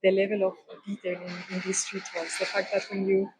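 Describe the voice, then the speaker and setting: A woman from northern Spain, giving thoughtful, measured answers as a tourist in a street interview. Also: medium pitch, completely flat delivery, very noisy.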